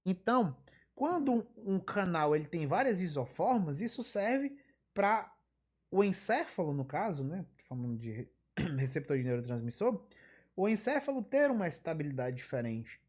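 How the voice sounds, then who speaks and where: A woman lectures live on physiology, her voice sitting a little low. She keeps repeating the key terms and drifts into asides. She pushes her points home with emphatic rhetorical questions. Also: big pitch swings, normal speed, a little mellow, husky.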